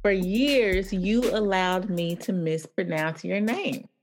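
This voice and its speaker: A woman's voice: fairly low pitch, slow, soft background music. A woman hosting a podcast interview, playful and teasing with her guest. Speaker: podcast host. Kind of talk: casual interview conversation.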